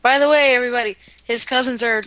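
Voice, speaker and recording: A woman's voice: on the high side, steady tone, fast talker, a bit bright, clean tone. A woman playing along as a guest in casual gameplay chat, dry and sarcastic in her banter. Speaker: guest player. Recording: noisy home recording.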